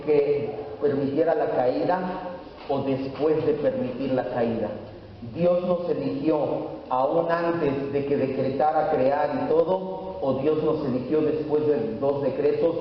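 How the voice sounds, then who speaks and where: Pastor teaching in an echoey hall. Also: male voice, mid-range voice, measured pace, slight background noise. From Mexico. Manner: teaching, asks the congregation questions. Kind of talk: sermon lesson at a whiteboard. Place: church hall. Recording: echoey hall, far from the mic, dull.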